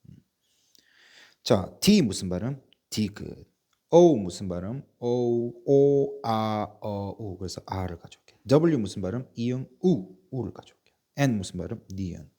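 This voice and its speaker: A male English teacher running a patient spelling drill, spelling words out slowly letter by letter and coughing now and then from a sore chest. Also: fairly low pitch, sing-song, mellow, slightly rough. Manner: patient, repetitive, asks and answers himself. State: coughing, bronchial trouble. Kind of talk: slow spelling drill lesson.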